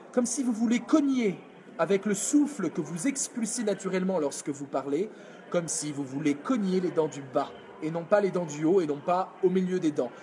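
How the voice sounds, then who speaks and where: Man, speaking coach, high pitch, energetic, demonstrative, live video workshop. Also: a little hiss or hum. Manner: energetic, demonstrative, reads chat comments aloud.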